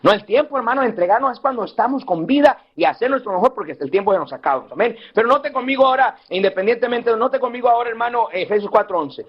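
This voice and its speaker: A man's voice: very high voice, lively intonation, quick pace, few pauses, breathy edge. A man pastor preaching a sermon, calling his listeners "brother" over and over and asking them questions he answers himself. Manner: addresses listeners as "hermano" again and again; acts out quoted church members in a whining voice. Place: church. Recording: dull lo-fi recording.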